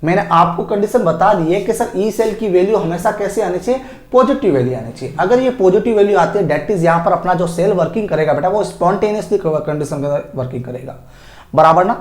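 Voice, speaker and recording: A man's voice: high voice, animated, a little fast, darkish tone. A male chemistry teacher lecturing at a whiteboard, posing rhetorical questions to the class and answering them himself. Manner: asks himself rhetorical questions and answers them, calls students "sir" and "child". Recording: echoey room.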